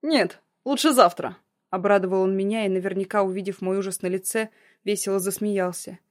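A woman's voice: mid-range voice, level tone, quick pace, darkish tone. A woman narrating an audiobook novel in the first person.

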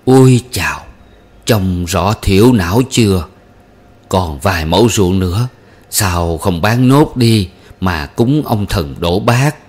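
A man voicing a sharp-tongued, sarcastic older mother in a storybook reading, mocking and scolding. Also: fairly low pitch, lively intonation, normal speed, natural voice.

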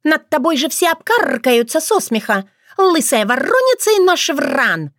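A fussy mother crow, as a woman reader puts her on, high, shrill and flustered, far above the narrating voice. Her pitch swings around in a lively way, and the recording is dry and close. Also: normal speed, no echo. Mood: fretting.

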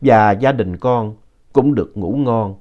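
A man narrating a ghost story in an unhurried, conversational way, adding explanatory asides. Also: fairly low pitch. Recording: dull lo-fi audio.

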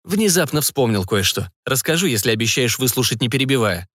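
A male narrator voicing a shy, earnest young man in an audiobook, speaking a touch higher than his own voice. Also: very animated, brisk, a bit bright, dry recording, studio quality. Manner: hesitant and earnest. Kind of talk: audiobook reading.

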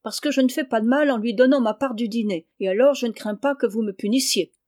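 A woman reading the part of a kind, earnest peasant boy who speaks gently and respectfully. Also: on the high side, fast talker, dry recording, clean studio sound, lightly acted.

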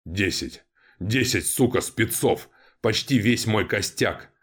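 A man voicing a furious male mercenary commander who swears and roars in a bassy growl, in an audiobook. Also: expressive, slow pace, breathy edge, heavily acted. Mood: grieving anger.

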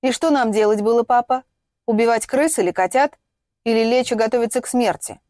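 A woman's voice: a little high, brisk, a little mellow, no room sound, lightly acted. A woman reading as an earnest young man. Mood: defensive. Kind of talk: audiobook reading.

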